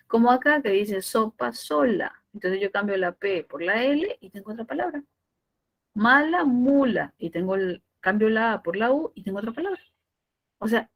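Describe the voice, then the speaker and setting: A language teacher delivers a class lecture. Her voice sits in a middle pitch for a woman. She keeps checking in with her students through questions and slows right down to stress each technical term. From Peru. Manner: explains step by step with rhetorical questions and tag checks; stretches key terms slowly for emphasis. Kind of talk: pre-university class lecture.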